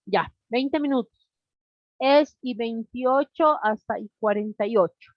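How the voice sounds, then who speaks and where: A woman teaching an online class over a video call, deliberate, constantly checking in with her students. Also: a little high, no room sound. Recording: dull lo-fi online class audio.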